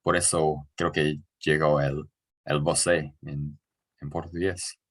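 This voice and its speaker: A man's voice: a bass voice, flat delivery, takes it slowly. A man from New Zealand who speaks natively, hosting the talk and asking careful questions with small hesitations. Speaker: host. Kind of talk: casual interview.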